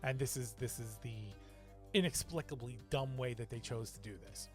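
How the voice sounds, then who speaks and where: A man's voice: medium pitch, moderate pace, faint music behind. A man co-hosting a movie review podcast, talking casually and wryly, often laughing. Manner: wry, sarcastic, laughs often. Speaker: podcast co-host.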